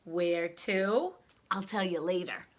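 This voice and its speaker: A woman's lowish voice reads a story slowly to little children, expressive and dramatically emphatic, with questions put to the listener.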